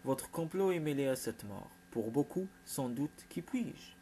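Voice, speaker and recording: A blunt, gruff older medieval lord, voiced by a male narrator who lectures and gives orders sternly. His pitch sits in an ordinary middle range. A faint hum runs behind the reading. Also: animated, unhurried, dark tone, lightly acted.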